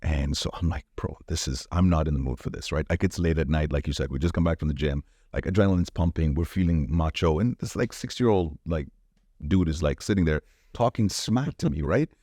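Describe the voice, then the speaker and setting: A man with an extremely low, dark and mellow voice spins lively anecdotes as the host of a casual podcast chat. He slips into the quoted lines of the people in his story as he goes, over a dry and close sound. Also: a little fast, no echo. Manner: animated anecdote-teller, acts out quoted dialogue.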